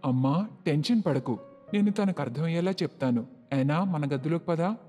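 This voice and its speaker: A woman doing a deep mellow man. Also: normal speed, natural voice. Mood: calm. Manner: low, mellow put-on male voice. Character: middle-aged husband and son, calm, easygoing. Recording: distant with long reverb and music.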